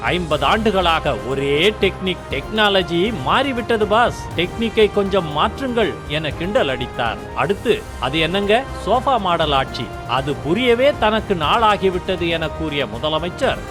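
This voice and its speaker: A man reading a scripted news voice-over in a formal tone. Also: sits high. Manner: formal reading with music underneath. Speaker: news narrator. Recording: studio voice-over with music bed.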